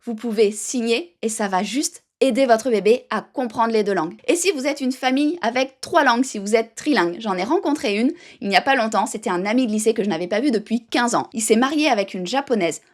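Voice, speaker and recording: A woman's voice: fairly high pitch, animated, fairly quick, hardly any pauses. Upbeat woman teaching baby signs. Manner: upbeat and emphatic, addresses viewer directly. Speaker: baby sign language educator. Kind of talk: direct-to-camera tutorial.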